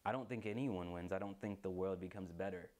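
A man giving a reflective documentary interview, pausing with ums as he thinks. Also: sits low, a little mellow. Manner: thoughtful, pauses with ums.

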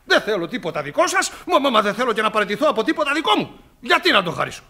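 A man's voice: sits high, very animated, creaky, full character voice. A blustering old father. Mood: patronising. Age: older. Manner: blustering, repeats "and so on", shouting. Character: blustering old father and landowner, quick-tempered. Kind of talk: 1960s Greek radio theatre acting.

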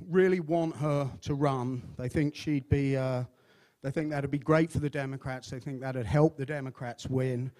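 A man telling a long stand-up joke on stage at a microphone, halting and full of fillers as he builds to the punchline. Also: a little high, a little mellow. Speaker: comedy contestant. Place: conference hall on stage.

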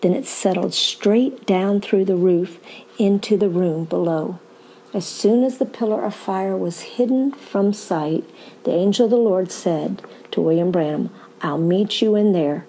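An older woman evangelist teaching in a slow, deliberate podcast sermon, with occasional fillers. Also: medium pitch, dark tone, breathy edge, poor audio.

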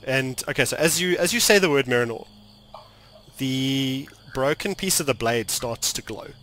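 A man running a tabletop game as game master, narrating in halting, restarting phrases. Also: medium pitch, animated, a bit bright, a little hiss or hum.

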